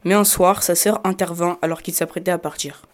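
A woman reading fairy-tale narration in a measured storytelling manner. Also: lowish voice, steady tone.

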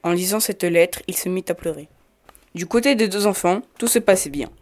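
A woman reading fairy-tale narration in a measured storytelling manner. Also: lowish voice, a little mellow.

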